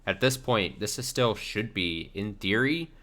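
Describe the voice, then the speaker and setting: In a slightly slow, low voice that sounds pushed and bright, a streamer comments live on game cutscenes. He reads the subtitles out loud, swears in frustration, and keeps repeating phrases.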